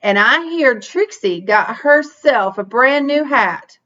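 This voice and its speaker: A woman's voice: high voice, expressive, slow, fairly bright tone, voice pushed up, exaggerated voice. A woman voicing a firm, wise grandmother in a folksy, instructive storybook manner, on a dull recording. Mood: chiding, wise. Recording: dull, muffled lo-fi sound.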